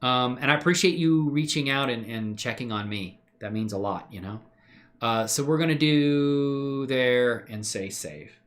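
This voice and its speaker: A man live streams as he works on 3D models, chatting loosely and rambling with viewers in a self-deprecating way. His mid-range voice is fairly bright, and he keeps a measured pace.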